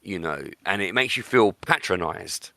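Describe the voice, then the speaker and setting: A podcast host with a low, forceful, expressive voice talks about books, emphatically arguing his opinions and repeating words for effect. He speaks at a normal speed, and the recording is dry with very little room sound and no echo.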